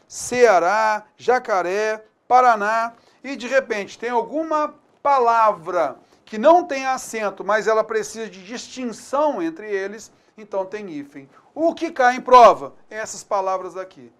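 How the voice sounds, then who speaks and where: A man with a Brazilian accent teaching an online grammar lesson, chatty, checking in with students often and slowing down to spell out example words. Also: sits high. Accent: Brazilian Portuguese. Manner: chatty, repeats tag questions to students. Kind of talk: online exam-prep lesson.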